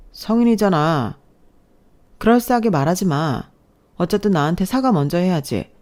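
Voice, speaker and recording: A cold, self-serving young husband, read by a woman who lectures and reproaches his wife in a scripted story narration. The voice is low-pitched and mellow.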